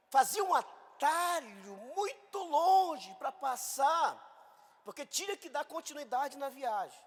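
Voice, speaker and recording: A man from Brazil, a pastor, telling a story in an animated sermon and acting out voices in the quotes. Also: high voice, big-room sound. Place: church hall.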